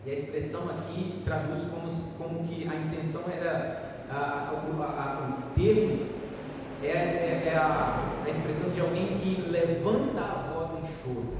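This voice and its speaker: Preacher echoing in a hall. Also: male voice, a little high, noisy background. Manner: earnest, rising emphatically on key phrases, halting restarts. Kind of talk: sermon. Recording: echoey hall from far off.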